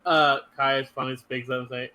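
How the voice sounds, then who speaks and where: A man's voice: medium pitch, little pitch movement, sharp tone, clean tone. A man who is not a native English speaker, playing in a tabletop game over voice chat, speaking hesitantly. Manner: hesitant, halting speech. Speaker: player. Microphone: headset over voice chat. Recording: crackly voice chat with fan noise.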